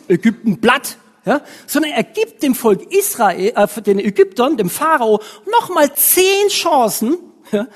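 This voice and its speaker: Husky woman preaching. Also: fairly high pitch. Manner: conversational, frequent tag questions. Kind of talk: sermon. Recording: long reverb of a hall.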